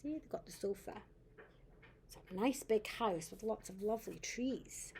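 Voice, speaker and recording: A sweet older woman, a grandmother, reading a picture book to a small child in a gentle, grandmotherly way and pointing things out. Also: medium pitch, lively intonation, moderate pace, background noise.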